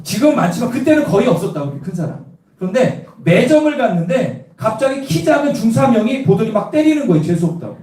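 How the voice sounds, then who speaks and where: Brisk and high-voiced, the lively male pastor from Cheongju, South Korea, delivers an evangelistic sermon in a church sanctuary, quizzing his listeners and telling humorous personal stories. The recording was made from a distance, with the sanctuary's echo all around.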